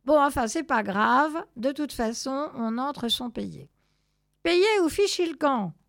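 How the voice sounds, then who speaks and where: A woman voicing a grumpy, bossy male chimpanzee guarding a door in a storybook, speaking loudly. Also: fairly high pitch, unhurried, creaky, no room sound, studio quality, voice pushed up.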